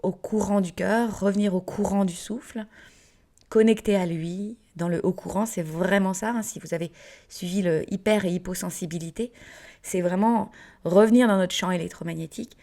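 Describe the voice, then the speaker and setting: A yoga teacher and podcast host from France, she speaks with a Southern French accent in a warm, medium-pitched voice at normal speed. Her teaching is casual and chatty, full of fillers and playful asides, and she sometimes drops to a whisper.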